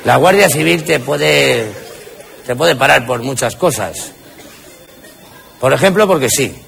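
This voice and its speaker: Gravelly Spanish stand-up comedian. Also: male voice, mid-range voice, animated, unhurried. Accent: Spain. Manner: crude, punchy storytelling. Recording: live show with audience noise.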